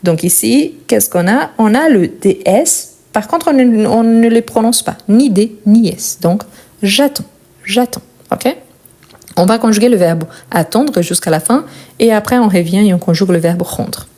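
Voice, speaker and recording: Mellow-voiced woman teaching French. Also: medium pitch. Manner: repeats each verb form slowly and clearly; checks in with "ok?" and "bien". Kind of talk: explaining conjugation.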